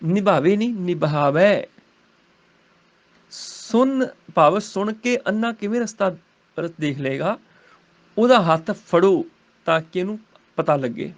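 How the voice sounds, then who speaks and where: A man with a Punjabi accent teaching the correct pronunciation of scripture, chanting lines slowly and correcting each vowel. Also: sits high, lively intonation. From India. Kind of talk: recitation and pronunciation lesson.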